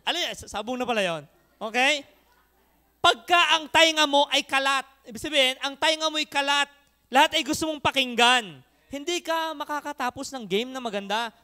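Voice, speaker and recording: A man from the Philippines preaching a sermon as pastor, animated and joking with the congregation, mixing in English phrases. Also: very high-pitched, moderate pace.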